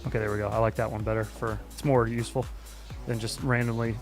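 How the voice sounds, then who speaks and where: A man hosting a live stream, chatting casually and excitably, swearing now and then. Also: on the low side, quick pace, faint music behind. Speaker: livestream host.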